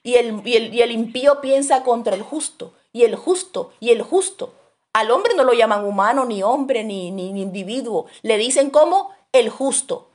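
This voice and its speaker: A woman's voice: fairly high pitch, normal speed. A woman teaching a Bible lesson, telling stories animatedly and acting out voices. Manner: animated storytelling, acts out voices in her anecdotes. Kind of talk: sermon teaching.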